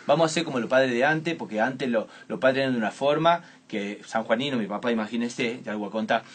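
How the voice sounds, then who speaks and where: A man with a Tucumán accent playing a boastful provincial police officer in a comic monologue, rowdy and punchy with bursts of shouting. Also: medium pitch, brisk, slightly rough, close to an everyday voice. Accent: Tucumán, Argentina. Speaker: comedian in a sketch. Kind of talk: stand-up style comic monologue.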